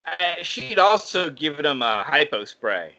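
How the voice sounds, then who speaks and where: Bright-voiced man, lo-fi podcast. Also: fairly high pitch, very animated, a little slow. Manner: analytical, self-correcting. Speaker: podcast co-host. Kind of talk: casual chat.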